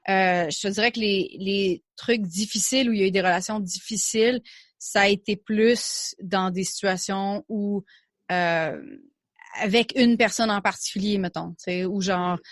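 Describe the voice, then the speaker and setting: In a relaxed interview chat on a podcast, a young adult Québécois woman talks openly and chattily, sprinkling English words and restarting her sentences. Her mid-range voice is steady in tone and moderate in pace, recorded without echo.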